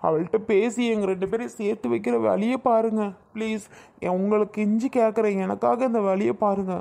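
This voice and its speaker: A woman's voice: medium pitch, fairly even intonation, a little fast, creaky, warm tone, lightly acted. A woman voicing an insistent, pleading young man in a cartoon who begs his ex-girlfriend to take him back. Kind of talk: cartoon voice acting.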